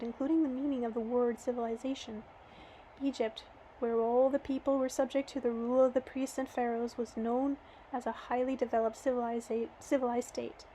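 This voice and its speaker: Female audiobook reader, slightly hoarse, high and mellow, earnest measured delivery, faint noise. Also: poor audio. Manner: earnest, measured, with occasional restarts. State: hoarse, losing her voice. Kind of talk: reading a book aloud.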